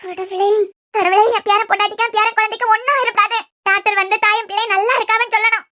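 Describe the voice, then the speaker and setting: A woman's voice: very high voice, steady tone, fast, sharp tone. Cartoon grandmother, old and anxious, woman voicing; lamenting prayers, Kanyakumari Tamil accent. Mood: anxious praying. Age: older. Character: worried praying old grandmother.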